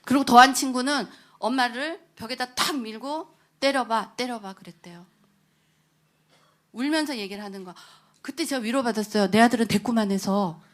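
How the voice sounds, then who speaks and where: A middle-aged woman giving an emotional testimony sermon at a prayer meeting. She tells her story in an animated way, acts out the people she quotes, and drops to a hushed voice at moving moments. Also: on the high side, moderate pace.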